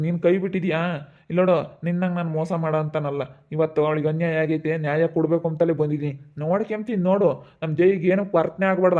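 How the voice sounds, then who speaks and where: A man's voice: fairly high pitch, darkish tone, close to an everyday voice. A man playing a stern uncle who lectures and warns, with a village Kannada accent. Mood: warning. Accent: Kannada, Karnataka village dialect. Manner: lecturing, warning. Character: stern self-assured uncle issuing warnings. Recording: tinny phone-like recording.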